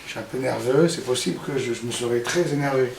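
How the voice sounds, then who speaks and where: A man from Morocco, a rabbi giving a lively, joking religious lesson, recorded in a roomy space from a distance. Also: mid-range voice, fast, vocal fry, noisy background. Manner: lively, joking, talks to the audience.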